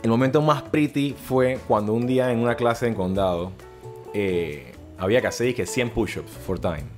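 With soft music playing behind him, a young Panamanian man who hosts a podcast and works as a fitness coach swaps stories in casual, slangy conversation and laughs a lot. His voice is medium-pitched and he talks at a normal speed.

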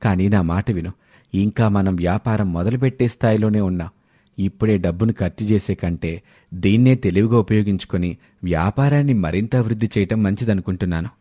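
Greedy cartoon husband by a man, low pitched, coaxing. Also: fairly quick, mellow, no echo, clean studio sound, natural voice. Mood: persuasive. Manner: persuasive then harsh. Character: greedy village husband turning drunk and cruel.

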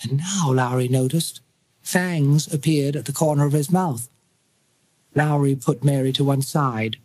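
A British man reading a novel aloud in measured, dramatic storytelling. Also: medium pitch, a little mellow. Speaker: audiobook narrator. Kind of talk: scripted narration.

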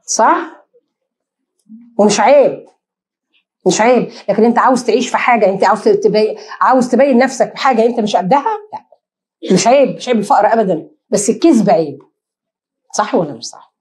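A woman with an Egyptian accent giving an animated lecture, asking rhetorical questions and acting out short exchanges. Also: medium pitch, roomy sound. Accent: Egyptian Arabic. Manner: animated, asks rhetorical questions and answers them herself; acts out short dialogues in quick asides. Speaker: lecturer giving marriage advice. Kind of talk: lively lecture to an audience.

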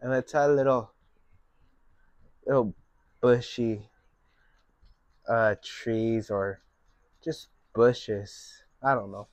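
Young man, painting instructor, slow unhurried speech, dry close sound, calm step-by-step talk. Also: mid-range voice, no room sound. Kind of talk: painting tutorial.

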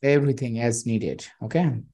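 Over a headset on a video call, a Bangladeshi man working as a freelance digital marketer makes a sales pitch to a client from a small room indoors. He stumbles along with frequent fillers and restarts, and the background is noisy.

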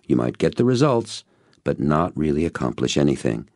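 A man's voice: very deep voice, big pitch swings, moderate pace, darkish tone, no room sound, clean studio sound. Man doing an emphatic networking mentor. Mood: earnest. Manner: emphatic, earnest explaining. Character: eager male mentor, a successful networker.

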